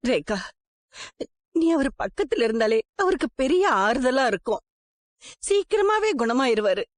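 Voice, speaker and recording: A woman's voice: high-pitched, big pitch swings, a little slow. A worried, soothing mother. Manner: soothing, pleading. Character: mother Chinthamani, gentle and worried. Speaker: wife and mother. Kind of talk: TV serial acting.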